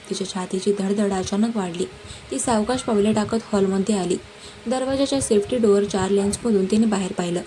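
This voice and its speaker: A woman narrating a romance story in a dramatic, even-paced reading. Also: medium pitch. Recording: noisy background hiss.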